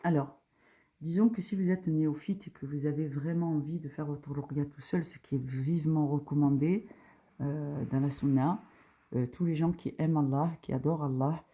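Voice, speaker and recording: In a low, warm voice, a woman teaching religion explains a diagram informally and step by step. Hesitations come often and fillers are plentiful, while key points get a rising emphasis.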